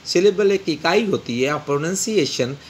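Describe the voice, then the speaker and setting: A man teaching an English textbook lesson, reading English slowly and explaining in Urdu with frequent pauses. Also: a little high, expressive, slight background noise.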